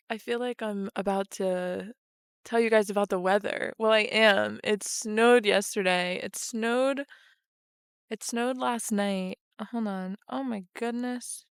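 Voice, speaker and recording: Young woman, smooth clear voice, dry close sound, casual self-mocking chat, outdoors near a camera. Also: mid-range voice, fairly even intonation, slow, dry recording. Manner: chatty and self-mocking, laughs between phrases. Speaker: podcast host. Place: outdoors in the cold by a train line.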